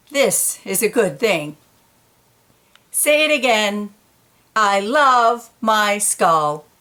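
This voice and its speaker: At a medium pitch, a woman gives an expressive, measured reading of a children's picture book, playfully emphasizing key words.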